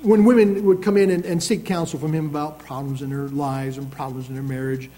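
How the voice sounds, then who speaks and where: A man preaching a sermon as pastor, moving from slow, emphatic scripture readings to conversational asides with restarts. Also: on the high side, steady tone, dark tone, poor audio.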